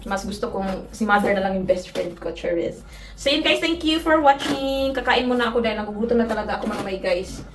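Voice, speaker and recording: Filipina vlogger, giggly home chat, off-mic in an echoey, noisy room. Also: female voice, mid-range voice, animated, fairly quick, distant mic. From Philippines. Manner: chatty, giggly, often says "mga my guys". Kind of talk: casual vlog chat. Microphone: phone camera. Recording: roomy echo, off-mic, noisy.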